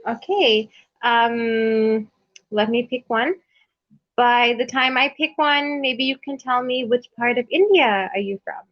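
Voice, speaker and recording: A woman with a South African accent, tutoring English in a chatty, unhurried conversation over a video call. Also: on the high side. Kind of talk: casual conversation practice. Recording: muffled lo-fi call audio.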